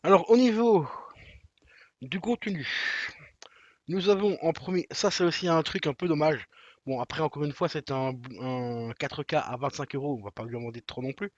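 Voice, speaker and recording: A man's voice: fairly high pitch, moderate pace, no echo. Man, casual unboxing vlogger, loose slangy chatter, dull dry home sound. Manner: chatty, slangy, addresses viewer directly, many fillers. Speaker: collector unboxing a steelbook.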